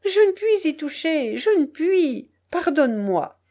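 A woman's voice: fairly high pitch, sing-song, slow pace, darkish tone, voice pushed up, full character voice. A woman voicing a remorseful young male peasant who begs for forgiveness in a tearful voice, in a storybook reading. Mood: tearful pleading. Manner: begging, tearful.

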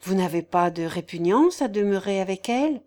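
A woman reading a novel aloud voices a gentle, remorseful young nobleman who speaks in a measured, formal way. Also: medium pitch, lively intonation, close to an everyday voice. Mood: tender. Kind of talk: audiobook character voice.

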